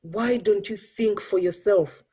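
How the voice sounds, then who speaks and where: Taking it slowly, a middle-aged Ugandan-accented woman hosts a show with an earnest motivational message, switching between Luganda and English. She has a medium-pitched voice, dark and husky.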